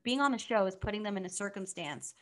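A woman's voice: medium pitch, fast talker, fairly bright tone, a little hiss or hum. A young woman co-hosting a podcast, chatting casually and telling a story with lots of laughter. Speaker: podcast co-host. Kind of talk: casual chat recapping a reality show.

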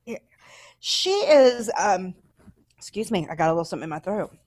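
A woman from the American South co-hosting a casual chat, animated and playful, laughing often. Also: medium pitch, moderate pace. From Southern United States. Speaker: podcast co-host.

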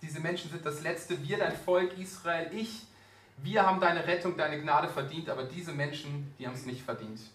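A man's voice: a little high, normal speed, a bit bright, close to an everyday voice. Guy doing a proud angry prophet, bitter outbursts, echoey room, kinda far off mic. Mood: indignant. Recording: roomy echo, distant mic.

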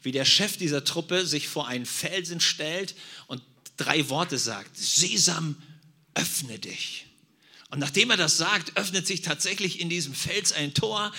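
A man's voice: fairly high pitch, normal speed, bright, forceful tone. A man preaching and praying, talking directly and conversationally to his congregation. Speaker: pastor. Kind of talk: sermon.

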